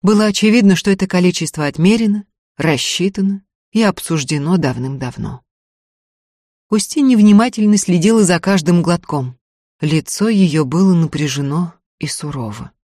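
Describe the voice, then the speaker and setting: A woman reading a novel aloud in an even, measured storytelling voice. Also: on the low side, no room sound, studio quality. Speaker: audiobook narrator. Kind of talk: scripted narration of a novel.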